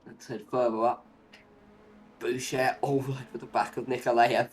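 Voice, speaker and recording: A man's voice: medium pitch, little pitch movement, moderate pace, husky. A man commentating live on a motor race, play-by-play, narrating each move and posing running questions.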